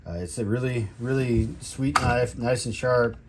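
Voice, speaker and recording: A man giving a casual, rambling gear review in a halting way, drawing out his words and trailing off. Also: medium pitch, noisy background. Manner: halting, drawn-out delivery with trailing phrases. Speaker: product reviewer, military veteran.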